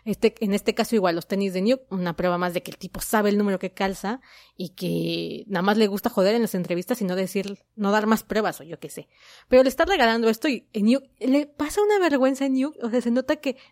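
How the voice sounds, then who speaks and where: Woman, fan vlogger, casual monologue, gushing and excited, acts out little quotes, mid-range voice. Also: medium pitch, brisk, no room sound, studio quality.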